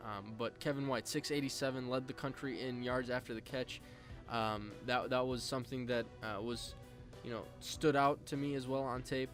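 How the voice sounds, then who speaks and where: A man's voice: mid-range voice, steady tone, normal speed, faint music behind. A young man hosting a football draft show, giving a casual scouting breakdown with frequent fillers and restarts. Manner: many fillers and restarts, conversational. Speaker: football draft analyst host.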